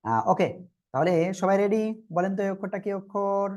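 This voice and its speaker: A Quran teacher leading an online group class, patiently sounding out letters slowly and asking everyone to repeat together. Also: medium pitch, darkish tone.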